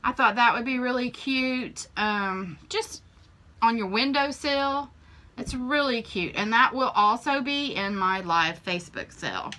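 Speaking a little slowly in a fairly high, bright voice with a forceful tone, a woman chats homily through her flea market finds, peppering her vlog with ums. The camera mic picks her up in a small indoor room with shelves.

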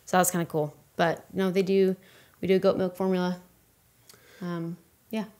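A woman's voice: lowish voice, flat delivery, normal speed, darkish tone. A young woman chatting casually with her partner, answering viewer questions as a new mother and finishing his sentences.

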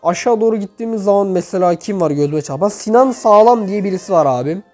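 A young man with a fairly high voice hosts a gaming video in a casual, chatty way. His words bounce around an echoey, emptied room. Music plays behind him as he addresses his viewers like friends. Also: expressive, fast, a little mellow. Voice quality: echoey, reverberant room sound. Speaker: YouTube game channel host. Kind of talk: casual gaming commentary, reviewing player profiles. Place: bedroom with items cleared out, indoors.

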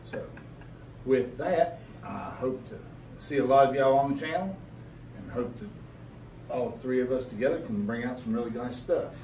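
A man's voice: medium pitch, normal speed, darkish tone. Folksy west virginia guy w appalachian accent rambling on a podcast, echoey room, bit far from mic. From West Virginia, United States. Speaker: podcast co-host. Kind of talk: casual podcast chat. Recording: roomy, distant mic, faint background noise.

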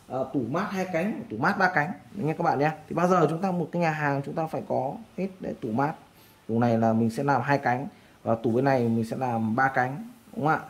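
A man, an architect, casually walking viewers through a floor plan as he sketches, talking in loose chatty bursts full of fillers. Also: fairly high pitch. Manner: chatty, many fillers and repeated "đó". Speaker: architect explaining a design. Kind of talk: casual explanatory walkthrough while drawing.

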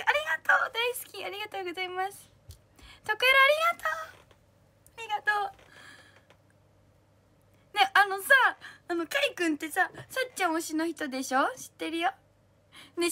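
A young woman with a slightly husky, strained throat, hosting a livestream in a bubbly, cutesy way, reading out and thanking commenters. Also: very high voice, bright, forceful tone. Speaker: idol livestream host.

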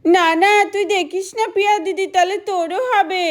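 Woman doing a tiny sick girl for a doll show, whiny and teary, squeaky high. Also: steady tone, normal speed. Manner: whiny, tearful. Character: small crying sick village girl.

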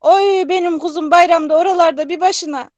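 Actress as a high-voiced doting aunt. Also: female voice, fairly even intonation, a little fast, a little mellow, dull audio. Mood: sighing, concerned. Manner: motherly, folksy. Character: doting, sighing aunt, mother of grown children. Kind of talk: Turkish radio theatre acting.

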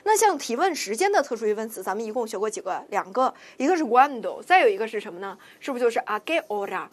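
Lively high-voiced woman teaching. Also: fast talker. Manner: rhetorical questions, checks understanding often. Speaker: Spanish teacher. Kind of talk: classroom lecture.

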